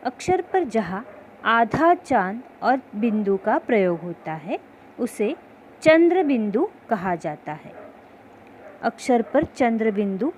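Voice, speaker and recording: A woman teaching a grammar lesson in a slightly high voice, taking her time over every word. She sounds out each letter one at a time with care. A faint hiss of background noise sits under her voice. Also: darkish tone, poor audio. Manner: slow, careful explanation that spells out letter sounds one by one.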